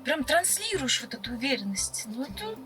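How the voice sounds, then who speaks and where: A woman's voice: high-pitched, very animated, fairly quick, over music. A woman in casual conversation on a date inside a car. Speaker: date in a prank. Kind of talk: casual chat.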